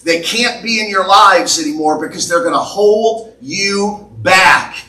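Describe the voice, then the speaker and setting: A male pastor preaching a charismatic sermon in a church sanctuary, his intensity rising until he shouts at the peaks, and acting out the voices he quotes. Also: sits high, a little slow. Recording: echoey church recording from far off.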